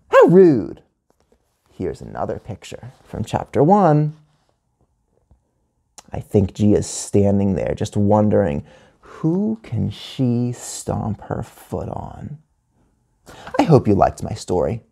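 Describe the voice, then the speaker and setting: A male teacher reading his own children's story aloud in an animated, friendly storytelling manner. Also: fairly low pitch, gravelly, slightly rough.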